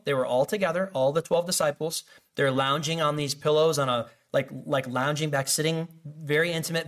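A man's voice: mid-range voice, fairly bright tone. A man preaching a sermon as pastor, in a conversational, jokey way full of asides, with frequent fillers and restarts.

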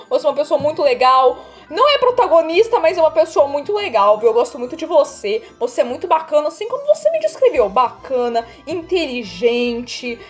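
Woman doing a dramatic male cartoon pony, Brazilian Portuguese, very high and bouncy, faint music behind. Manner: melodramatic, gasping, exclaiming. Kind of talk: fan role-play voice acting.

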